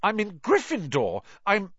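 A high, strained young boy wizard, voiced by a man, pushing his words out in a rush and stumbling over them. His voice climbs and swings widely, and the recording sounds dull and dry. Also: wildly swooping pitch, measured pace, a bit bright, husky, dry recording, full character voice. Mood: anxious. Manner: urgent, faltering, rising. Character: anxious boy wizard, twelve, earnest.

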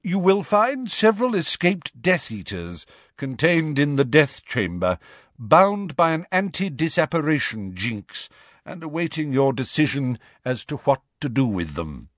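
A wise old wizard headmaster speaks in a grave, unhurried, commanding voice, as a man puts him on. He weighs each word slowly, close and dry. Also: on the high side, no room sound, full character voice. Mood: calm. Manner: calm, measured and grave.

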